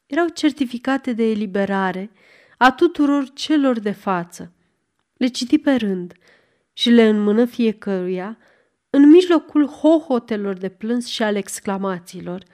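A woman narrating a volunteer audiobook in an even, unhurried manner. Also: on the high side.

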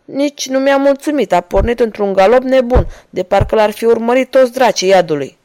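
A woman's voice: on the high side, mellow, lightly acted. A woman reading an audiobook, voicing a cunning male guide who speaks deferentially and talks his way out of trouble. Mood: obsequious. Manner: sly, deferential, talking his way out. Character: cunning male Italian guide, servile and quick.

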